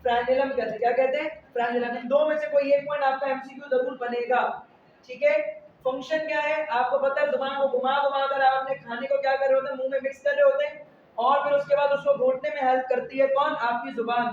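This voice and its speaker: A man teaches biology in a classroom and keeps firing questions back at his students. His fairly high voice sounds dull and lo-fi. It is picked up from a distance in a very echoey room, with faint noise underneath. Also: flat delivery, a little fast. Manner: quizzes students with repeated questions. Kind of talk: classroom lecture. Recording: echoey lo-fi room recording from afar.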